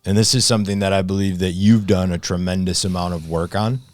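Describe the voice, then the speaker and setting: A low-voiced man hosts a podcast with eager energy, restarting his sentences as he works toward a point. His voice sits deep and sounds close and dry on the mic. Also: fairly even intonation, quick pace, dry recording. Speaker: podcast host. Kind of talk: podcast conversation.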